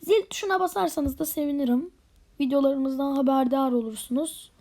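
High-pitched excitable young woman gamer. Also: brisk. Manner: chatty, excitable, often mutters and whispers to herself. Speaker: gaming channel host. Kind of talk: casual gameplay commentary.

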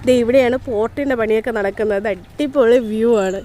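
A woman's voice: fairly high pitch, a little fast, mellow. A woman talks casually as she walks outdoors. She addresses viewers directly and often repeats her phrases. Faint roadside ambience sits behind her voice. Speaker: vlogger. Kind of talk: casual chatty walking vlog. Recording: outdoor street ambience and traffic noise.

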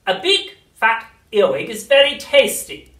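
A reader voicing a nasty, witchlike old grandmother in a storybook reading, slow and loud with drawn-out gloating words, recorded in a roomy space away from the mic. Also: medium pitch, very animated, recorded from a distance, pitched above the performer's own voice.

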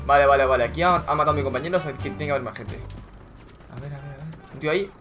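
Young man, excitable game commentator, fairly high bright voice with faint music behind. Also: rapid-fire. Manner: excitable, swearing, shouting at kills. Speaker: gaming YouTuber. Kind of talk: live gameplay commentary. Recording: music in background.

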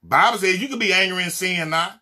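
Male evangelist, Mississippi Southern accent, tense and forceful tone, raised pitch, fiery and blunt delivery. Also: fairly quick. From Mississippi, USA. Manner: fiery, blunt, emphatic, repeating refrains. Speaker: evangelist minister. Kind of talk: impassioned social media sermon.

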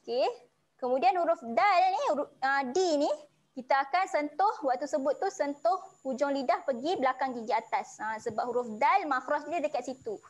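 A woman with a Malaysian Malay accent teaching Quran recitation online, explaining each sound patiently and slowly chanting the verses. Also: high-pitched. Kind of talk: online tajwid lesson.

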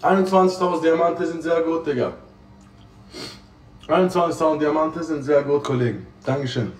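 A man's voice: on the high side, fairly quick. A young man chatting casually on a livestream in effusive, exclamatory street slang with English interjections, recorded on a phone a step away indoors. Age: young adult. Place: small living room with kitchen, indoors. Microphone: phone propped up a step away. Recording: roomy sound, distant phone mic.

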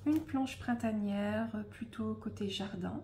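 A woman unboxes craft supplies in a relaxed, unhurried chat. Her voice is mellow and carries a slight fry. She hesitates often and fills gaps with soft fillers. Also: mid-range voice, slight background noise. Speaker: scrapbooking shop host. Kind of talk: casual product unboxing.

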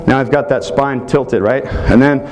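In a hotel meeting room, a man in his thirties gives a live football technique clinic, describing each move while he demonstrates it. His voice is medium-pitched, steady and darkish at a moderate pace, with a bit of hiss or hum.

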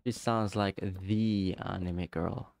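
A man chatting casually and playfully as he livestreams a game, rambling in halting bits and repeating his phrases. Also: sits low, steady tone, creaky, darkish tone, a little hiss or hum. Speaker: livestreamer, VTuber. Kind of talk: casual livestream chat while playing a block-building game.

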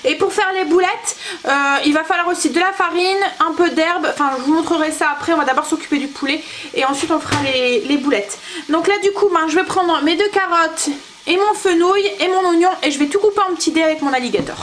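Chatty high-voiced woman vlogger. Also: a little fast, fairly bright tone, slight background noise. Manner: chatty, hesitant with many fillers and laughs. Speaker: family vlogger. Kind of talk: casual vlog chat and cooking. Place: home kitchen.

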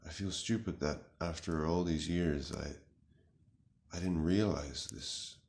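Speaking in a very deep, darkish voice, a man in his thirties acts out an anxious, sincere, melodramatic self-styled warrior for a comic video response. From a small indoor room he addresses the camera in a grave, bewildered, mock-serious monologue, halting and deliberate with long pauses.

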